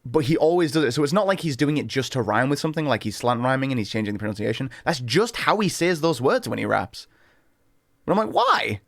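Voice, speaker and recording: Guy doing a music reaction vid, excitable, rambly, stumbles a lot, mid voice, dry sound. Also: medium pitch, quick pace, dry recording. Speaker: reaction channel host. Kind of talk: casual music reaction commentary.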